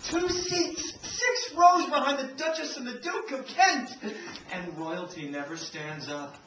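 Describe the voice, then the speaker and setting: A man playing a hot-tempered husband who rants and shouts, recorded live on a theater stage. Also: very high-pitched, sing-song, measured pace, exaggerated voice. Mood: frantic. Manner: ranting, shouting. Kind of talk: live stage comedy acting. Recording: echoey noisy stage from a distant mic.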